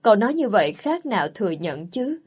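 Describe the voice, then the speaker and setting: A woman reading a story aloud in a steady narrating voice. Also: mid-range voice, fairly quick, breathy edge. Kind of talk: scripted narration.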